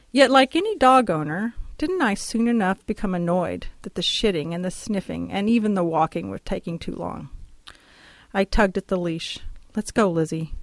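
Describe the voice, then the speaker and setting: A middle-aged woman reading her personal essay aloud in a measured, wry storytelling manner with lingering pauses. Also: medium pitch, no room sound.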